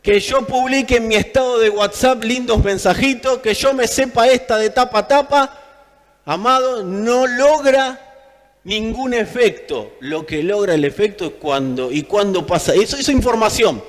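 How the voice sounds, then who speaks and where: Preaching with force and repeating phrases for emphasis, this man speaks with an Argentine Spanish accent. His voice is high-pitched and animated, at a normal speed. The sound carries a long hall reverb.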